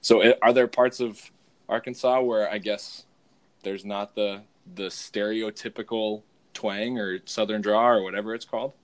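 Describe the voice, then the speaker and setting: A man's voice: fairly low pitch, fairly even intonation, moderate pace. An American man from the West Coast hosting a podcast in a casual, joking, conversational style. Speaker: podcast host. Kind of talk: casual joking interview chat.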